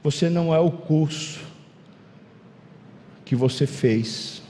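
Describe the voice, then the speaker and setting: Pastor guy, high voice, preaching big and dramatic, lots of hall reverb. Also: takes it slowly, mellow, a little hiss or hum. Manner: dramatic, rhetorical questions, acts out scenes. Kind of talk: sermon.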